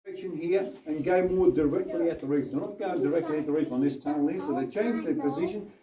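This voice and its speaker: Inside a noisy, echoing underground tunnel, a male mine tour guide talks quickly in a higher-pitched voice, explaining and demonstrating each step while a crowd can be heard behind him. He's captured off-mic by a camera microphone set at some distance.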